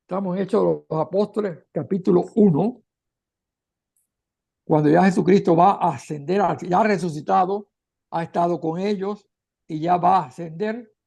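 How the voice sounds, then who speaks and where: Gravelly, high-voiced male catechist. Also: moderate pace, a little mellow. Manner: explanatory, reads scripture aloud then comments, occasional restarts. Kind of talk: Bible class explanation.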